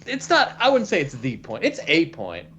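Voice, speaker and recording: Stammering man with lively pitch. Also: moderate pace, a little hiss or hum. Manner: hesitant, stammering restarts. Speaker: co-host of comedy call-in show. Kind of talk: improvised comedy talk.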